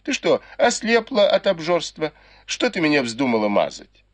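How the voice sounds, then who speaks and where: A man reading an audiobook, voicing a sharp-witted noble lady who teases and commands her maids. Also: a little high, very animated, normal speed, dry recording, pitched above the performer's own voice. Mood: teasing.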